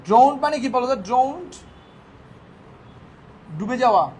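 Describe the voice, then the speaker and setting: A man's voice: very high voice, lively intonation, normal speed, a little mellow, low-quality recording. A male teacher giving a classroom vocabulary lesson, firing questions at his students and answering them himself. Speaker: English teacher. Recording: faint background noise.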